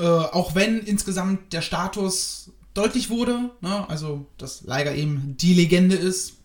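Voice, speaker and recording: A man's voice: on the high side, reverberant. A man giving a casual spoken review of a wrestling show, hesitant and rambling with many fillers.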